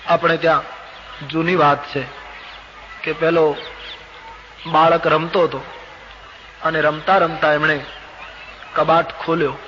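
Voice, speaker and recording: A man's voice: fairly high pitch, takes it slowly, long pauses. An older man with a Gujarati accent, telling a devotional scripture story and acting out the characters' lines with expression. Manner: expressive, acts out dialogue of gods and characters. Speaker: storyteller preacher. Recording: dull lo-fi old recording with faint hiss.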